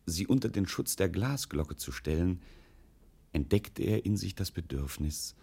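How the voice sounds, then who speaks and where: A man reads a storybook as narrator. His voice is low and gravelly, with husky grain and lively, expressive movement in pitch. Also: measured pace.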